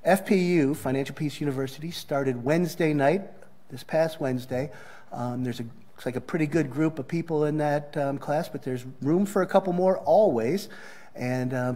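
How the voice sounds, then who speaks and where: A man's voice: medium pitch, darkish tone. A man with a Southern accent welcoming a church congregation and giving announcements in a friendly way, with frequent ums. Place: church sanctuary.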